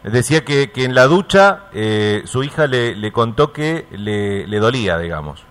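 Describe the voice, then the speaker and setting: A man interviewing a caller on the radio, asking gentle, probing questions with frequent hesitations. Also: mid-range voice, sing-song, unhurried.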